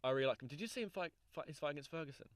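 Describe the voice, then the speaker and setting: A man's voice: fairly high pitch, animated, very fast, dry recording. A young man hosting a casual podcast chat, chatty and often laughing. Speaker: podcast host.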